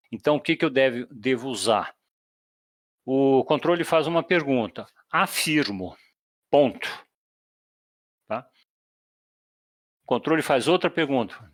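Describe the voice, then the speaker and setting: A man with a Brazilian Portuguese accent gives an online lecture over a voice call, at a mid pitch that sits neither high nor low. He explains step by step and keeps checking in with a quick question. The sound is dry, with no room echo. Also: fairly bright tone. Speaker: flight communication instructor. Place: voice chat call.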